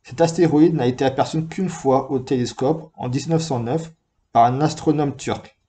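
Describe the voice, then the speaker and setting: A man reading a book aloud in a calm, measured first-person narration. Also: medium pitch. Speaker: reader.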